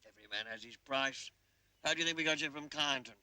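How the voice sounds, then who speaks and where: A man's voice: medium pitch, fast, sharp tone, clean tone. A man playing a pushy, cynical football club boss in a film. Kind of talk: film comedy-drama acting. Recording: old film clip, slightly distant.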